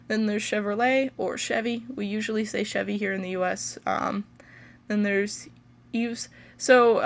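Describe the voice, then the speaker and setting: A woman with a Midwestern American accent talks through pronunciations at an unhurried, halting pace, filling her gaps with ums. Her voice has a gravelly, creaky edge, and her pitch sits in the middle of a woman's range. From United States. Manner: slow and hesitant, many ums and pauses. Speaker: pronunciation video host. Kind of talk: casual explanatory teaching.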